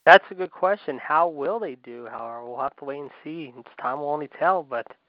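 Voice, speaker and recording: A man's voice: a little high, brisk, no room sound. A man co-hosting a casual podcast, answering with short reactive comments. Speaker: co-host. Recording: dry lo-fi sound.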